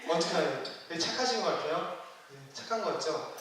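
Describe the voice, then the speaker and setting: High-voiced young preacher in an echoey hall. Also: male voice, expressive, fast talker, fairly bright tone. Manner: conversational preaching with questions to the congregation. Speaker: youth ministry preacher. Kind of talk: sermon. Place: church sanctuary. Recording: roomy hall, distant mic.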